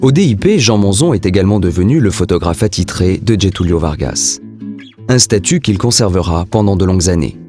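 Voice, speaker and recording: A man's voice: low voice, expressive, a little fast, over music. A man reading scripted narration for a historical documentary.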